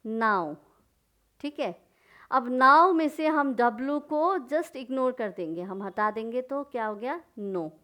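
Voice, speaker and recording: A woman's voice: a little high, lively intonation, a little slow, pushed and bright. A woman teaching a lesson, spelling words letter by letter and answering her own questions. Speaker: English teacher. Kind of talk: slow explanatory lesson.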